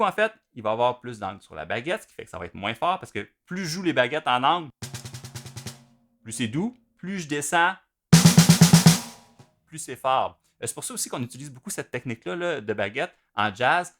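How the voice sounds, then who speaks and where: A man explaining drum exercises step by step, in a patient, methodical way. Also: medium pitch. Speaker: drum teacher. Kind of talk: instructional video explanation.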